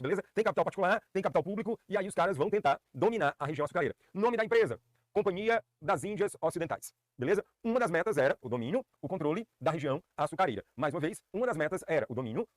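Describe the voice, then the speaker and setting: Guy teaching history, super fast and high-pitched, jokey, dry close sound. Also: no echo. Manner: joking, colloquial, repeats key points. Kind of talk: energetic classroom lecture. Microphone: filmed by a camera operator.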